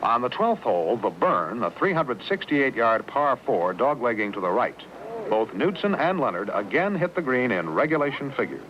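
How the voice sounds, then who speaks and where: A man's voice: mid-range voice, big pitch swings, moderate pace. A man reading scripted narration of a golf match as its announcer. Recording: dull old TV soundtrack, faint noise.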